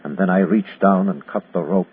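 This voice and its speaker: An actor playing a shaken Nazi captain and executioner in a 1940s radio drama, haunted and repeating himself as if giving a report. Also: male voice, low voice, fairly even intonation, husky. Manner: haunted, halting, repetitive first-person report. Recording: scratchy, muffled 1940s radio broadcast.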